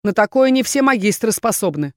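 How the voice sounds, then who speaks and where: A cold, stern dark elf man, as a woman reader puts him on in an audiobook, his words clipped and accusing. The voice sits close and dry with no room sound. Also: mid-range voice, expressive, fairly quick, no echo, natural voice. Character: cold suspicious male dark elf student.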